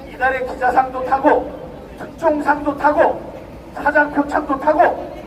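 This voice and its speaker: A middle-aged man with a strikingly high voice delivers an emphatic outdoor rally speech, turning to the crowd with rhetorical questions. He sounds set back from the microphone, with a faint hiss of open-air noise behind him. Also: recorded from a distance, poor audio. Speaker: rally speaker.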